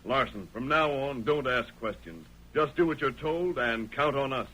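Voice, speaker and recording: Bright-voiced, commanding Lone Ranger. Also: male voice, mid-range voice. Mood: firm, resolute. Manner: firm, deliberate, authoritative. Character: masked lawman hero of the Old West, commanding and resolute. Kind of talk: old-time radio western acting. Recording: noisy vintage radio recording.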